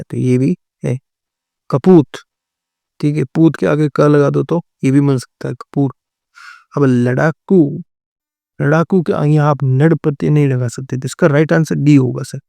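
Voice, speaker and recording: In a slightly high, gravelly, dark-toned voice with no room sound, a man runs a Hindi exam-prep class. Reviewing multiple-choice answers, he repeats words and answers again and again, with plenty of "theek hai" and "right".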